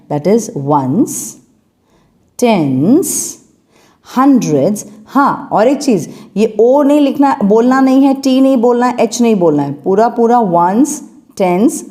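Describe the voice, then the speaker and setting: A woman's voice: medium pitch, mellow. A woman maths teacher with an Indian English accent, explaining step by step and checking with her students. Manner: patient, checks in with questions. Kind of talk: step-by-step lesson while writing.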